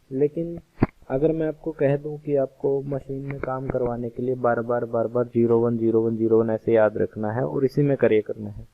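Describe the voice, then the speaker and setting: A male teacher working through a computer science lesson at an unhurried pace, restating each point in other words. His voice has a gravelly, creaky edge. The audio is narrow and tinny, like a phone line. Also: mid-range voice. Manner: slow, patient explaining with repeated rephrasing.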